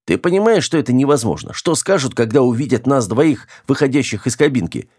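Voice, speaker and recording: A man's voice: medium pitch, lively intonation, fairly quick, a little mellow, slightly rough, no room sound, studio quality, voice pushed up. A man voicing a curt sardonic captain. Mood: wry exasperated. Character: gruff, sardonic male starship captain.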